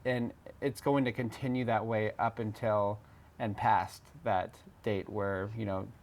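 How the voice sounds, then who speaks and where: Opinionated man with a lowish voice. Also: flat delivery, measured pace, slight background noise. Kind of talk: casual conversational debate.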